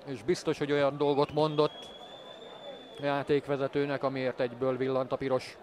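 A man giving measured live commentary on a football match. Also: medium pitch, little pitch movement, darkish tone. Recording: crowd noise from stadium. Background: stadium crowd.

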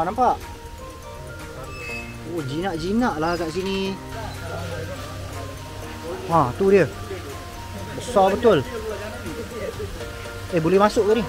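A man with a Malaysian Malay accent, chatting excitedly to viewers on a walking tour vlog through an outdoor petting zoo. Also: sits high. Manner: chatty, excitable, keeps addressing viewers as guys. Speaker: vlogger.

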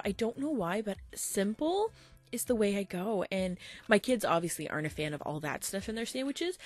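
A woman in her thirties with a slightly low voice narrates in a casual, chatty way. She explains each step plainly, like a mom talking to friends, with easy fillers and a relaxed pace. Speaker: vlogger, mother of two boys. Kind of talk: casual voice-over narration of meal prep.

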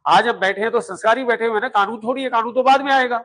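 A man's voice: very high voice, very fast, a bit bright. A middle-aged man teaching a coaching class, emphatic and repetitive, firing rhetorical questions at students. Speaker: law exam coaching teacher. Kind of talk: classroom lecture.

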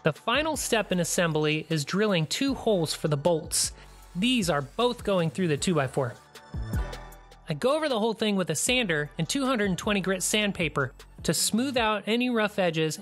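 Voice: mid-range voice, animated, normal speed, soft background music. A DIY channel host giving a plain, practical, step-by-step tutorial voice-over.

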